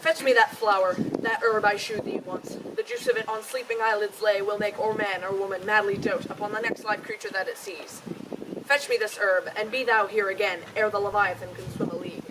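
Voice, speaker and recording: A woman's voice: mid-range voice, fairly quick, lightly acted. A woman playing a jealous, commanding male fairy king in hammy, declamatory Shakespearean stage style. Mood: scheming, imperious. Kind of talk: theatrical Shakespeare stage performance. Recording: noisy live stage, distant microphone.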